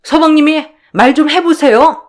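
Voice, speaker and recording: A haughty sister-in-law who hurls accusations in a voice pitched well above the narrator's own, loud and sharp-edged, as a woman reader puts her on. She sneers and barks rather than talks, and she never lets up. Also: normal speed, natural voice. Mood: scornful, shrill. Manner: sharp, scornful and shouting. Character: shrill, arrogant sister-in-law accusing of theft.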